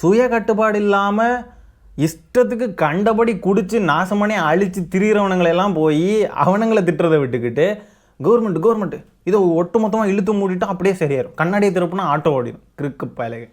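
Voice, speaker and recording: High-voiced man giving mocking political commentary. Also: a little fast. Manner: mocking, argumentative, rhetorical questions. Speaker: political commentary channel host.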